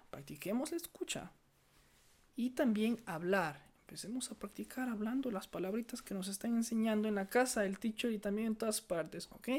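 Woman teacher, slow unhurried speech, stretched-out drills, praising kids. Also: mid-range voice. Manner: slow, drawn-out English drills; warm praise to young learners. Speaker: English teacher. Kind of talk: bilingual lesson for children.

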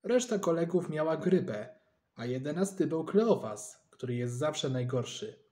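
A man reading a children's storybook aloud with lively, expressive delivery. He tells it in the first person as a boy, and his voice sits somewhat high for a man. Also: measured pace.

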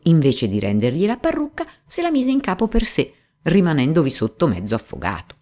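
Deep-voiced, highly expressive woman storyteller. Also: creaky. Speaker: narrator. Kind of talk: storybook reading aloud.

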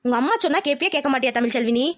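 A woman's voice: high-pitched, lively intonation. Bossy village mother-in-law, voiced by a woman. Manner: bossy, quick and insistent. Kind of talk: cartoon voice acting.

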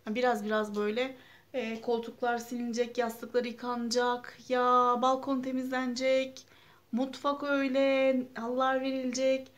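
A woman's voice: fairly high pitch, level tone, normal speed. A woman in her thirties chatting casually and homely to her viewers in a home vlog, full of fillers. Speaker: vlogger. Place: at home, kitchen then living room.

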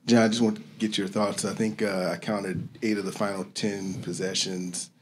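A man's voice: on the low side, little pitch movement, normal speed, a little hiss or hum. A male reporter asking a player a question at a press conference, stammering as he goes.

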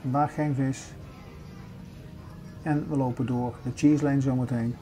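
A man's voice: mid-range voice, fairly even intonation, unhurried, music in the background. An older man giving a chatty narration of a walk through a large supermarket, pointing things out as he goes. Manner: chatty, showing things around as he walks. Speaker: vlogger. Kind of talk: casual shopping vlog narration.

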